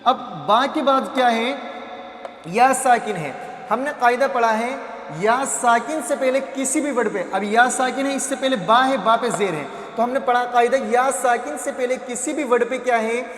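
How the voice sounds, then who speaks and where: A man teaching a Quran reading primer, drawing out syllables in slow chant between quick explanations and asking then answering his own questions. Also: extremely high pitch, a bit bright, echoey room, long reverb tail.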